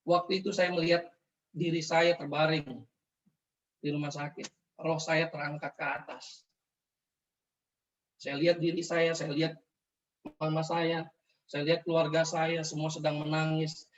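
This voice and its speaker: A man preaches an emotional testimony with fervent, repeating phrases. His voice sits high for a man. He is heard from a distance on a dull, lo-fi recording. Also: flat delivery, a little slow, long pauses, slight background noise. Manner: fervent, repetitive storytelling. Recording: distant mic, dull lo-fi sound.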